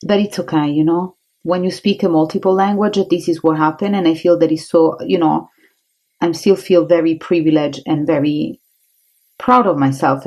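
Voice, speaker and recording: A woman's voice: deep voice, a little mellow, poor audio. A woman from Italy with an Italian accent, an art teacher chatting encouragingly while she draws with oil pastels. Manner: chatty, encouraging, thinks aloud while drawing. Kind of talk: casual art tutorial.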